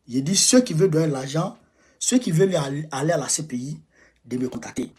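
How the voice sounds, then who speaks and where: A man's voice: a little high, a little mellow. A man from Côte d'Ivoire, rallying his followers from home in an emphatic, repetitive live-stream talk. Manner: emphatic, repeats phrases, exhorting. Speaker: livestream host rallying supporters. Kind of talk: casual live-stream address.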